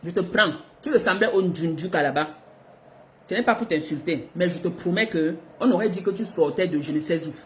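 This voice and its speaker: A middle-aged woman from Africa, telling a personal story to her viewers in a lively, expressive way, laughing between lines. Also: lowish voice, brisk, slight background noise. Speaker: vlogger.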